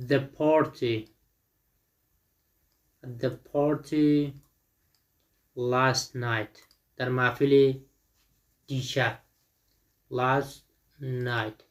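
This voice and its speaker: Man teaching English. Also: medium pitch. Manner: says English words slowly and translates each into Dari; asks the listener questions and answers them himself. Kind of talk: explaining a textbook lesson.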